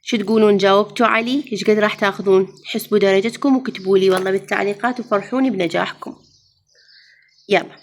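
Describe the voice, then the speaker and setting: A woman's voice: medium pitch, fairly even intonation, racing, a little hiss or hum. A woman teacher with an Iraqi Arabic accent, going through exam answers step by step. She asks her students questions, answers them herself and calls them "mama". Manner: addresses students fondly as "mama". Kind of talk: exam review lesson.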